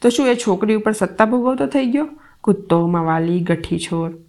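A woman's voice: medium pitch, moderate pace, vocal fry, a little mellow, close to an everyday voice. A woman voicing a rich, bossy and hot-tempered older merchant who barks orders and hurls insults. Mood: furious. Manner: commanding, barking orders and insults.

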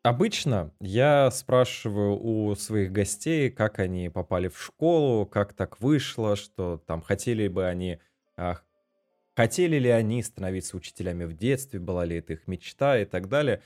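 Low-voiced man hosting a podcast. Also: lively intonation, moderate pace, darkish tone, soft background music. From Russia. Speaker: podcast host. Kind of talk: casual podcast interview.

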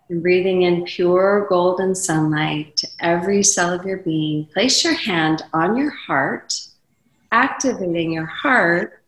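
A woman leads a guided meditation in a calm, meditative tone. Her voice sits a little low and she gives soothing, measured instructions. The recording has a roomy, echoey sound. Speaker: podcaster and teacher guiding a breathing meditation as guest.

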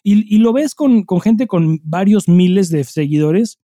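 A Mexican man hosts a podcast, his voice dark and very soft-edged, sitting a little high for a male speaker. He talks in animated, unhurried, casual stretches packed with slang and swearing. The recording is close and dry, with no echo.

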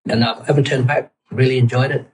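Middle-aged man, cultural guide as interview guest; thoughtful, halting delivery with frequent fillers. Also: mid-range voice, fairly even intonation, a little mellow, a little hiss or hum, rough recording. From Australia, Torres Strait Islands. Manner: halting, many ums and restarts. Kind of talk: casual interview answers.

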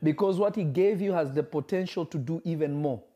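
A Kenyan man with a fairly high, warm voice preaches a livestreamed sermon with emphasis, repeating phrases and slowing down to stress points. He also greets viewers by name.

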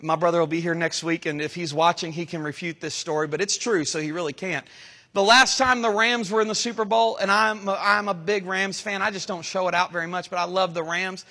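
A pastor in his thirties preaching a sermon, switching between loud shouts and quiet, low asides. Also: steady tone, fairly quick. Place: church sanctuary. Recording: long reverb of a church hall.

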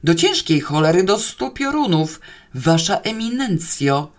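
A woman's voice: fairly low pitch, very animated, measured pace. A woman voicing a flustered middle-aged male guard who hollers down a shaft in exasperation. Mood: bellowing.

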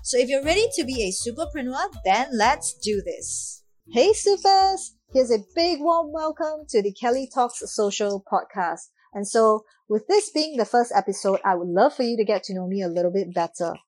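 A woman's voice: fairly high pitch, lively intonation, normal speed, a little mellow, faint music behind. A woman in her thirties from Malaysia, hosting her own podcast in an earnest, upbeat monologue that often strings thoughts together with "and so.". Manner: earnest, upbeat, with frequent "and so" and restarts. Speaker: podcast host.

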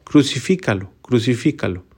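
A man's voice: medium pitch, lively intonation, normal speed, a little mellow, breathy edge. A man reading as an insistent accusing crowd. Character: accusing crowd of priests and people.

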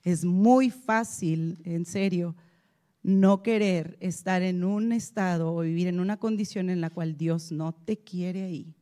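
A woman's voice: fairly low pitch, slow pace, warm tone. A woman giving a casual, direct devotional message, encouraging and full of fillers. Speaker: speaker at a women's church series.

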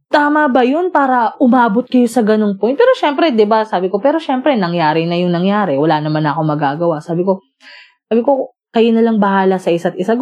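Woman, casual storyteller, animated and chatty, quotes the argument. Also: on the high side, highs cut off. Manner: animated, quotes both sides of a breakup argument, laughs often. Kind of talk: casual storytelling among friends.

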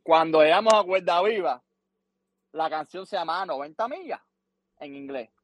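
A man's voice: on the high side, normal speed. A middle-aged Cuban man telling a long story on a podcast, repeating words and acting out what people said to him. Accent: Cuban Spanish. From Cuba. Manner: animated, repeats words, acts out quotes. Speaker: guest musician.

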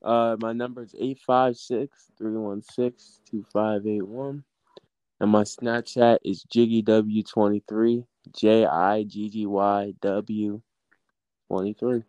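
A teenage boy co-hosts a casual podcast in a low, mellow voice. He talks earnestly and steadily. The sound is dry and close, with no room echo. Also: level tone, takes it slowly, lo-fi sound. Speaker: podcast co-host.

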